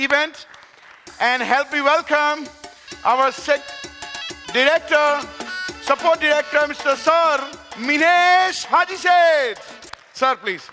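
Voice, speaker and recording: A man announcing speakers on stage at a business event, speaking in polite, formal phrases with pauses and restarts. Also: extremely high pitch. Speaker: event emcee. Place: large event hall. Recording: reverberant hall with faint music.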